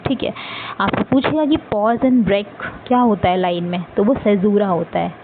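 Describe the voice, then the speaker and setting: A woman teaching literary terms for exams in Hindi and Indian-accented English, speaking fast, repeating each point and checking that students follow. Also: mid-range voice. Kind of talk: exam-prep lecture in Hinglish. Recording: tinny phone-like audio with clear background noise.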